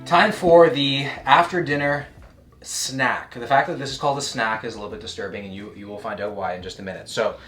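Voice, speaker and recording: Young male fitness vlogger, casual and jokey, mid-pitched voice, faint music behind. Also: fairly even intonation, brisk, fairly bright tone. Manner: joking, chatty, explaining diet tips. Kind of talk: casual vlog chat.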